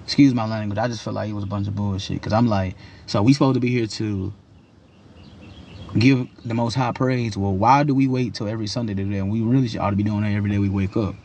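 A young man with a gravelly voice giving a casual, opinionated rant in a slangy, rambling, emphatic way, repeating his phrases. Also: lowish voice, steady tone, quick pace, darkish tone, slight background noise. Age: young adult. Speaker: commentator giving personal opinions.

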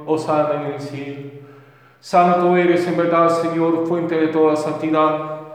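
A priest recites the prayers of the Mass in a solemn, steady, even line, with his voice sitting somewhat high for a man. His words ring out in a cathedral echo, with a long reverb that fills the large church around him.

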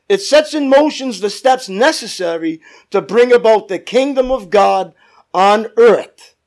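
A male preacher with a very high-pitched voice gives a church sermon, stressing and lengthening key phrases. He talks directly to his listeners, looking for their agreement and calling out for amens.

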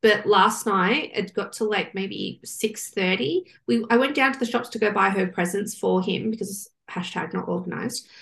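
A woman in her thirties co-hosting a casual chat show. She tells stories candidly and at length, and her voice has a gravelly, fry-touched texture. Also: mid-range voice, normal speed, hardly any pauses, a bit bright. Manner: candid, rambling storytelling. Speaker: podcast co-host.

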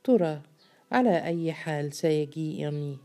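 A woman's voice: sits low, animated, moderate pace, warm tone. A woman voicing a confident, sly male governor, reading him in an audiobook story. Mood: assured. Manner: self-assured and knowing.

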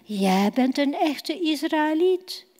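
A woman voicing a kind, gentle male teacher in a children's Bible story. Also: high-pitched, sing-song, slow pace, full character voice. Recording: long church hall reverb.

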